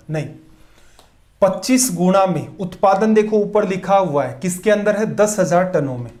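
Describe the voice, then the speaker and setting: A man's voice: sits high, a little mellow. A man teaching a competitive-exam math lesson, asking questions and answering them himself, with emphatic repetition.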